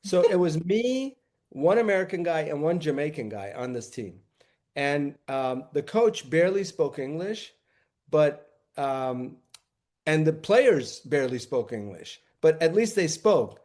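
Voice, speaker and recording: Guy from new york, highish voice, casual podcast guest telling anecdotes. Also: animated, a little slow, darkish tone.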